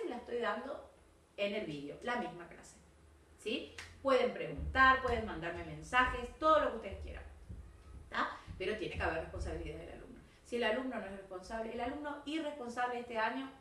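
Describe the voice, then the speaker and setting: A woman's voice: fairly high pitch, pushed and bright, reverberant, recorded from a distance. A woman English teacher, going through her pupils' mistakes one by one in a recorded video class, part scolding and part correcting.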